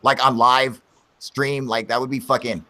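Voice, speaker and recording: A man's voice: medium pitch, little pitch movement, a little slow, sharp tone. A man hosting a livestream in casual, profane chat, laid-back and calling everyone dude. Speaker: livestream host.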